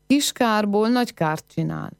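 Lady doing a quick-witted young village girl, pert and teasing, bouncy voice, storybook. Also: medium pitch, animated, gravelly, smooth, dry recording, studio quality. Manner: pert, teasing riddling replies.

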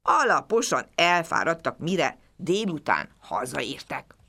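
A woman reading a children's bedtime story aloud in a gentle, expressive way. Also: deep voice, vocal fry.

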